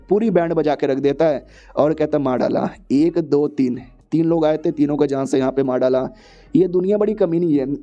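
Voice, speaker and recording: A man's voice: a little high, dark tone, lo-fi sound. A man narrating a comic recap in a chatty, slangy style, mixing in English words.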